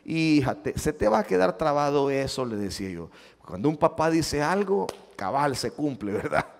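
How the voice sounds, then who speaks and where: A man's voice: a little high, very animated, moderate pace, creaky, in a large hall. A man, a pastor with a Salvadoran Spanish accent, preaching a sermon and acting out the dialogue of his stories. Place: church sanctuary.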